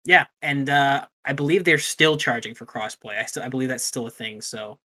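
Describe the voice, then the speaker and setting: Bright-voiced man chatting about games. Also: medium pitch, flat delivery, normal speed. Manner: loose, swears casually, trails off and restarts. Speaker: podcast co-host. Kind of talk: casual gaming news chat.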